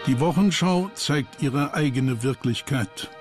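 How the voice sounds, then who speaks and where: A man narrates a history documentary at a slow pace over clear background music. His delivery is sober, grave and measured, with a mid-range pitch.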